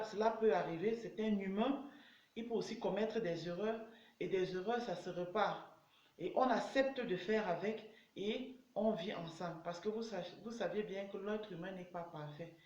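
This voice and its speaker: A woman's voice: medium pitch, darkish tone. Earnest woman coach in an echoey room. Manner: earnest, repetitive exhortations. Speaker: personal development coach. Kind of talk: motivational video talk. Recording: echoey room, dull lo-fi sound.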